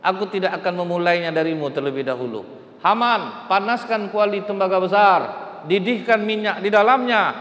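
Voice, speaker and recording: A man voicing an arrogant, threatening tyrant king in a sermon story, with a loud, commanding bellow. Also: a little high, steady tone, moderate pace, pitched above the performer's own voice, lightly acted. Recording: echoey hall, faint ambience.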